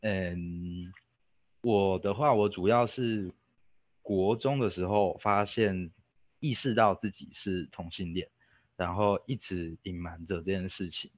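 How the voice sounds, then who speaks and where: Young taiwanese guy rambling thru a story on a podcast, deep voice, kinda dull lo-fi audio. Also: dry recording. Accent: Taiwanese Mandarin. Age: young adult. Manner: rambling, self-interrupting with fillers. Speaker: guest. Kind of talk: casual storytelling.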